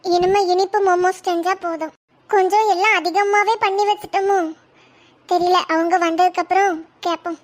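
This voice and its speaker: Gentle cartoon mother voiced by a creator, soothing and scolding softly, voice pitched very high. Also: steady tone, normal speed. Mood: motherly. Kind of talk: animated cartoon dialogue. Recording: pitch-modulated with audio tools.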